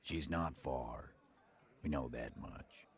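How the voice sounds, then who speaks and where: A gravelly, extremely low voice plays a weary, guarded union boss in a detective video game. He answers in short, curt lines. The voice sits deep in a dry fry. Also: slow, heavily acted. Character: gruff middle-aged male union boss, guarded and weary.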